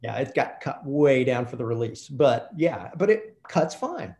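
A man's voice: medium pitch, very animated, a little slow, darkish tone. A man, a film director, telling a behind-the-scenes anecdote in an interview and acting out the quoted exchanges. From Kentucky. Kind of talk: storytelling interview chat. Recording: roomy echo.

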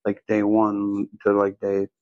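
A male podcast host with a lowish voice who talks with upbeat energy. He nudges his guest's stories forward and chimes in to finish their sentences. The recording is close-miked and dry. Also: completely flat delivery, a little slow, no echo, lo-fi sound. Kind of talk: casual interview chat.

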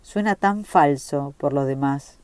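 A woman reading a short story aloud in a measured, reflective way. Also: sits low, a little mellow, smooth, no room sound. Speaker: reader.

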